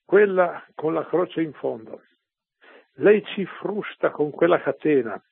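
A man's voice: a little high, animated, slow, creaky, slightly rough, dry recording, full character voice. A man voicing a tormented male demon who cries out in anguish during an exorcism, repeating its words, over a tinny phone-like radio broadcast.

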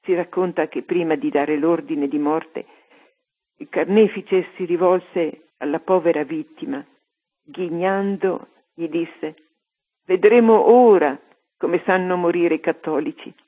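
A woman reading a story aloud on religious radio in a steady storytelling manner. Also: lowish voice, a little slow, slightly rough. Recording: tinny phone-like radio line.

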